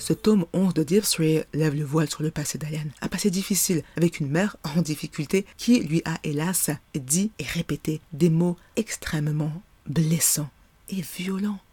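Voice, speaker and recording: A podcast host, talking in a lively, rhetorical way and laughing often. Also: mid-range voice, normal speed, husky, dry recording. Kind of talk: casual commentary monologue.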